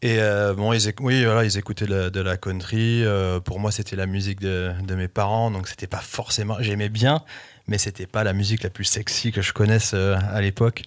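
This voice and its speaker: A middle-aged singer-songwriter, raised in England with English as his first language, chats as a guest in a casual interview, full of fillers and restarts. He speaks a little fast, with a fairly low pitch and a steady tone.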